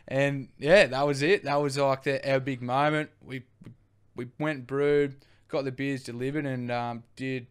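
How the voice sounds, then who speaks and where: A young Australian man tells a long, casual story, rambling and dropping the odd swear word. His voice comes through smooth and clear at an ordinary middle pitch. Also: steady tone, unhurried. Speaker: brewery co-founder guest.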